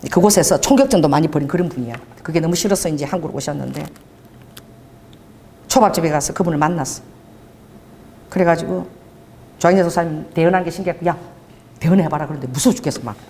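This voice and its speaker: A woman's voice: on the low side, slight background noise. A middle-aged woman pastor preaching a sermon, telling stories and acting out the voices in them. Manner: lively, storytelling, acts out voices in stories. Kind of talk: sermon with storytelling.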